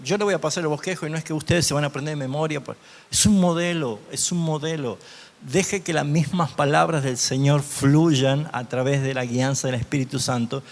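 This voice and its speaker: A man's voice: on the high side, steady tone, a little fast. A man teaching a Bible class as a pastor, often asking his listeners questions. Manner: asks the audience rhetorical questions. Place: church hall. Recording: long hall reverb.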